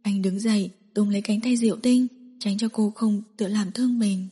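A woman narrating a romance audiobook in a soft, even storytelling manner, with an echoey hall sound. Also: medium pitch, normal speed, slightly rough.

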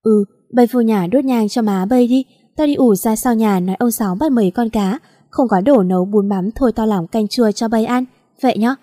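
Woman voicing a loud, fussing old village neighbor. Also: on the high side, brisk, close to an everyday voice. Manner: calls out loudly, scolding and affectionate. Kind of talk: audiobook narration.

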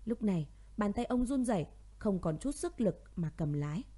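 A woman narrates a melodramatic story in a steady, dramatic reading voice. Her tone is warm and mellow, pitched in an ordinary middle range. It sounds like a scripted audiobook. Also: normal speed, husky.

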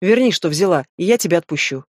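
A man's voice: high voice, animated, quick pace, no room sound, studio quality. The audiobook reader voicing a stern, sardonic male investigator who speaks in short, cold commands.

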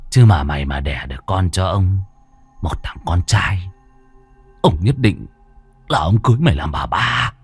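A man's voice: low voice, animated, unhurried, pauses often, husky, dry recording, soft background music, pitched below the performer's own voice, full character voice. Man doing a leering old village landlord. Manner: leering, bullying.

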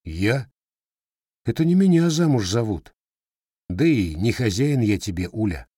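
A man's voice: fairly low pitch, very animated, unhurried, warm tone, breathy edge, no room sound, studio quality, voice pushed up, heavily acted. A man voicing a blunt scarred young Cossack. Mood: guarded. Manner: plain, blunt village speech.

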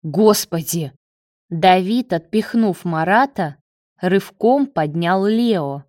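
A woman narrating an audiobook in a steady, measured reading voice. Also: fairly low pitch, dry recording, studio quality.

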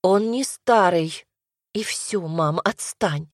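Heartbroken young woman snapping through tears, read by a woman narrator, lowish voice. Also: takes it slowly, no room sound, clean studio sound. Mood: tearful. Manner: sobbing, pleading, snapping. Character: distraught young woman, tearful and pleading.

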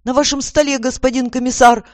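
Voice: mid-range voice, animated, moderate pace, a little mellow, no echo, voice pushed up, lightly acted. The storybook narrator voicing an eager, servile young male clerk who answers dutifully.

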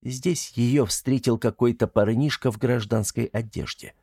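A man reading an audiobook in a measured storytelling manner. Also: medium pitch, fairly even intonation, warm tone, husky, dry recording, studio quality. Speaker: narrator. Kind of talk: audiobook narration.

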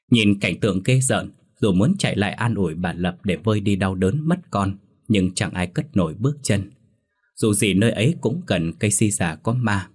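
Male horror storyteller, low and husky, measured scripted reading. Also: a little mellow.

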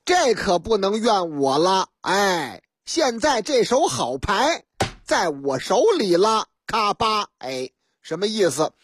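A woman's voice: mid-range voice, very animated, slow, husky, no echo, heavily acted. A woman with a Beijing accent voicing a sly young wife who teases and gloats in a smug, chuckling way.

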